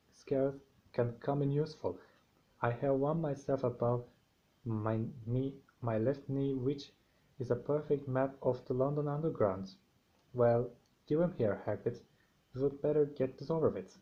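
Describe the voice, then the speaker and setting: Gentle old wizard headmaster, a guy reading him out, slow mellow voice, dull lo-fi audio. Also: mid-range voice, close to an everyday voice. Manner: halting reading with restarts. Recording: dull lo-fi recording.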